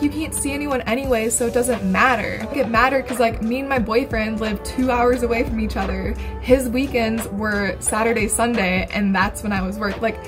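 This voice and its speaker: A woman in her twenties talking to camera in a candid, chatty way, swearing casually now and then. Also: fairly high pitch. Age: 20s. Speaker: vlogger. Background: background music.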